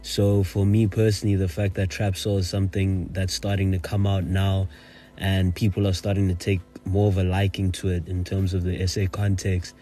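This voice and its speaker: A man's voice: low-pitched, flat delivery, moderate pace, dark tone, faint music behind. A man with a South African accent giving his opinions in casual podcast discussion. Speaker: podcast panelist.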